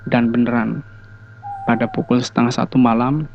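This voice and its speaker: A man calmly recounting his own ghost encounters in a casual interview, hesitating often. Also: mid-range voice, normal speed, creaky, slight background noise. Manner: relaxed, hesitant, many fillers. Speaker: guest telling ghost experiences. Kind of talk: casual storytelling. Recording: dull lo-fi sound.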